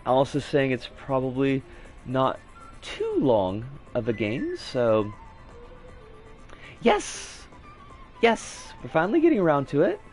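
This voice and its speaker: A man's voice: mid-range voice, big pitch swings, normal speed, darkish tone, soft background music. A man chatting casually as a game streamer, with a sardonic, rambling, sweary manner. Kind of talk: casual livestream chat and commentary.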